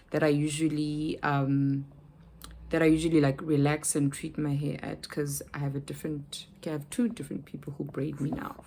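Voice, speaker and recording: A woman's voice: low-pitched, a little mellow. A young South African woman vlogging in casual chat, telling a rambling story with lots of fillers and restarts.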